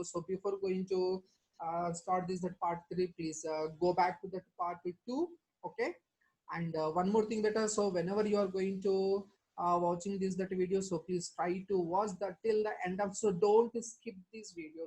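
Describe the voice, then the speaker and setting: A woman teacher with a South Indian, Telangana accent lectures for an online class at a middling pitch. She works through her points repetitively, posing rhetorical questions and tacking small tags onto her sentences. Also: a little mellow, poor audio. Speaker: chemistry teacher. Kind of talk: online exam-prep lecture.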